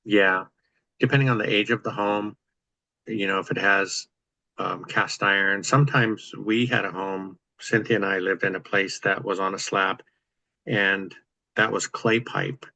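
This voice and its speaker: A man with a deep, crisp-toned voice chats on a video call about practical landlord matters. He explains at length in an easygoing, matter-of-fact way, his pitch staying fairly level. The sound is dry and close. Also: steady tone, measured pace, pushed and bright, no room sound, poor audio. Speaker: real estate investor host. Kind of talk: casual chat on a video call.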